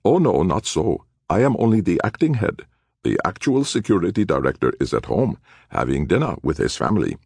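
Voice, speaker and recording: A man's voice: low-pitched, sing-song, a little fast, creaky, a little mellow, husky, dry recording, studio quality, pitched above the performer's own voice, full character voice. A man doing a prim, evasive bureaucrat. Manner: prim, hesitant, polite formality. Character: fussy male bureaucrat, evasive and overly polite.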